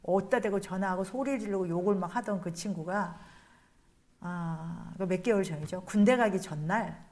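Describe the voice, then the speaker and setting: A woman's voice: mid-range voice, normal speed, a little mellow. Nun lecturing, chatty storyteller voice, slips into the voices of people she quotes. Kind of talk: spiritual lecture told as a personal story.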